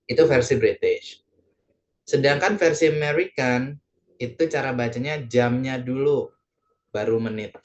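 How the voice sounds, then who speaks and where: A man's voice: medium pitch, muffled recording. Patient Indonesian male English teacher. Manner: patient, repeats each point and translates line by line. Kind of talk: online lesson explaining in Indonesian with English terms.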